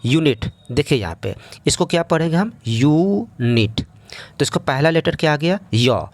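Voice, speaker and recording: A man's voice: a little high, expressive, normal speed, dry recording. A man teaching an English grammar lesson in speech, explaining step by step and often asking the class rhetorical questions.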